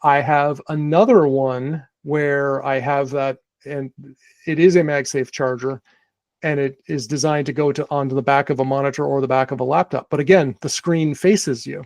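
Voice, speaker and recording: Male podcast co-host, casual and rambling, gravelly voice. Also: medium pitch, fairly even intonation, moderate pace, darkish tone, dry recording. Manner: rambling, many restarts and fillers. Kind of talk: casual chat.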